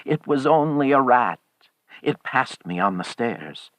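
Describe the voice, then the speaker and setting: A man's voice: fairly high pitch, expressive, slow pace, creaky, fairly bright tone, dry recording, pitched above the performer's own voice, heavily acted. A man voicing a frightened old man who speaks weakly in a shaking voice. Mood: fearful. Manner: shaking, weak. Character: frightened trembling old man, weak and fearful.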